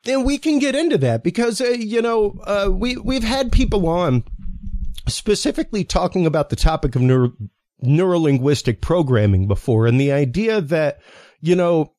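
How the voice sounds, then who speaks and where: Man, slightly high pitch, dry close mic, podcast host, informal, enthusiastic, rambling delivery. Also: lively intonation, moderate pace, darkish tone, dry recording. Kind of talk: live show hosting, sponsor reads and interview chat.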